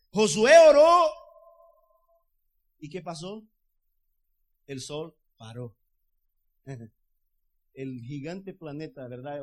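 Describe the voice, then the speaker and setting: High-voiced fervent male preacher. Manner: fervent, loose and conversational, often asks "¿verdad?". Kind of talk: sermon. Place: church in the United States.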